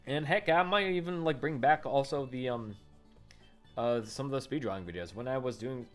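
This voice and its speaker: Speaking at a normal pace in a mid-range voice, this late-twenties vlogger chats loosely into his condenser microphone, full of fillers and self-corrections. Gentle background music accompanies him.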